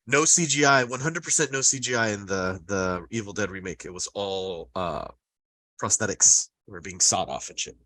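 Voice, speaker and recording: A man's voice: lowish voice, normal speed, bright, forceful tone. A man co-hosting a podcast, giving blunt, enthusiastic opinions. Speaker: podcast co-host. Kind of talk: casual chat.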